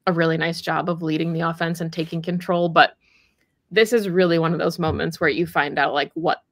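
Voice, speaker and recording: A young woman with a low-sitting voice and fairly even intonation talks a little fast, recorded in clean studio sound with no room tone. Co-hosting a sports podcast, she keeps things conversational and casual, sprinkling in lots of "like" fillers.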